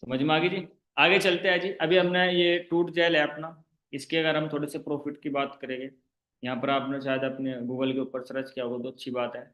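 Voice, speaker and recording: A man runs an online class as a sales trainer, pressing his listeners with rhetorical questions and checking again and again that they follow. His voice sits a little high. The sound is roomy and echoey, like an online call from a bare room. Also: a bit bright, muffled recording. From India. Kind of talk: persuasive sales pitch.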